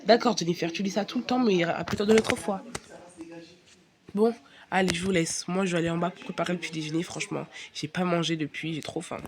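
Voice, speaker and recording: A woman's voice: fairly low pitch, fairly even intonation, fast talker, a crowd in the background. A woman vlogger narrating a family role-play and speaking as the mother in a casual, chatty way.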